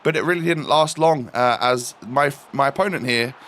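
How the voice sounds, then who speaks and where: A man's voice: medium pitch, normal speed, a bit bright, a little hiss or hum. A man with a stuffy nose from an oncoming cold, giving chatty gameplay commentary as host of his gaming channel, with frequent ums and repeated words.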